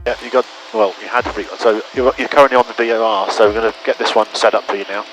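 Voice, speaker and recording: A man's voice: fairly low pitch, steady tone, very fast, over music, poor audio. A man chatting casually and briefing as an instructing pilot over a cockpit intercom headset. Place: small aircraft cockpit in flight.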